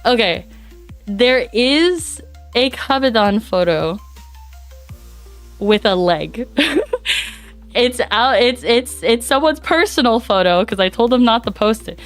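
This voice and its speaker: A woman streamer in casual chat, bubbly and giggly, her voice raspy and hoarse from a week of coughing. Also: on the high side, expressive, takes it slowly, pauses often. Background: faint background music.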